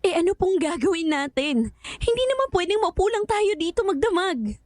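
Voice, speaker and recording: A woman's voice: very high-pitched, big pitch swings, moderate pace, dry recording, studio quality. A woman voicing an anxious, doubting young granddaughter in an audio horror drama, speaking fearfully. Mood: worried. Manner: fearful, tearful outcries.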